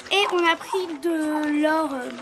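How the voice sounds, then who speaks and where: High-pitched chatty French woman vlogger. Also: takes it slowly. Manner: chatty, explains each step. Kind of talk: casual cooking vlog.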